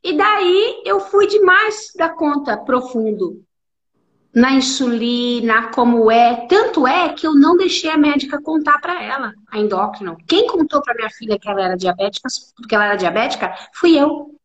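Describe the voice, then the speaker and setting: Woman in her 40s, high-pitched, animated storyteller giving an interview. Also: normal speed, muffled recording. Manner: emotional storyteller, acts out quoted dialogue. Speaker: guest, clinical nutritionist. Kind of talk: interview conversation.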